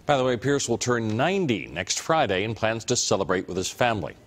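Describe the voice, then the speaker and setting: Male news anchor, scripted read, lower register, animated melodic delivery. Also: fairly quick.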